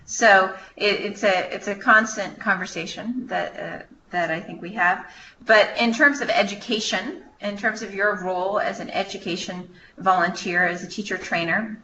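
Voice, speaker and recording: Over a muffled, noisy conference call line, a female staff member casually fields questions, thinking aloud and explaining hesitantly. Her voice is mid-range, pushed and bright, at a normal speed.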